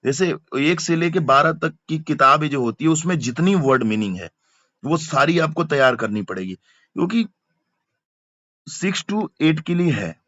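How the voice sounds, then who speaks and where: A man's voice: on the high side, expressive, moderate pace, pushed and bright, dry recording. Man, teacher, repeats words, dry, muffled lo-fi sound. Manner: explains word by word, repeating terms and asking for comments. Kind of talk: online exam-prep lesson.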